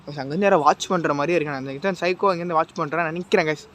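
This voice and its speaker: A jittery man on a ghost-hunting vlog, his voice high and bright as he talks to camera. He keeps calling out nervously to unseen spirits, and his fear shows in every line. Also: racing. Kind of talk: night-time ghost-hunt vlog, talking to camera.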